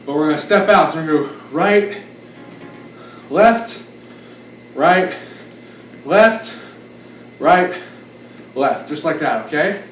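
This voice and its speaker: A man with a notably high voice coaches a workout in short, encouraging instructions and counts. He is recorded at some distance in an echoey room, with music faintly behind him. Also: animated, slow pace, long pauses, a bit bright. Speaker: fitness instructor. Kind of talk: live exercise class instruction with counting. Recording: roomy echo, distant mic, background music.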